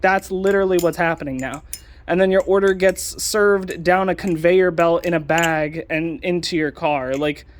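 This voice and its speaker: A young man hosting his own channel, ranting casually with sarcasm and lots of ums and uhs. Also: high-pitched. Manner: ranting, sarcastic, many fillers. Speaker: channel host. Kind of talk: casual commentary vlog.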